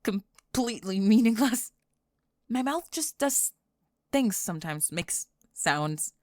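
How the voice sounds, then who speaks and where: In an ASMR roleplay, a young woman acts out a one-sided dialogue as a prickly, flustered goth girl student with a secret crush, sarcastic, defensive, and rambling, halting and stammering when flustered. Her mid-range voice is animated and a little mellow, recorded in studio quality with no echo.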